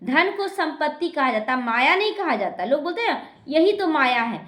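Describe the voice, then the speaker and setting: A woman's voice: high voice, sing-song, moderate pace, fairly bright tone. A woman, a spiritual teacher explaining scripture to a class, repeating her points and speaking straight to her listeners. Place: meditation class hall. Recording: echoey room.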